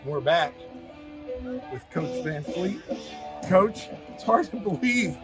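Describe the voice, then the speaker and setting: Brief: male football show host, high voice, analytical, music playing underneath. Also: expressive, takes it slowly, rough recording. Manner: conversational, analytical. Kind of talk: high school football preview and interview.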